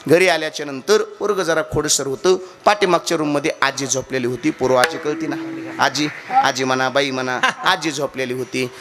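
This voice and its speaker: A man preaching a devotional kirtan sermon, telling a comic story, chanting and acting out the characters in lively fashion. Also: fairly high pitch.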